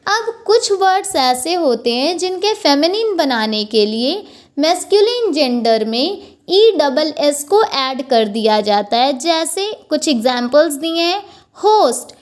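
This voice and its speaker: A woman teaching a grammar lesson, patiently repeating points and spelling words out letter by letter. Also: high-pitched.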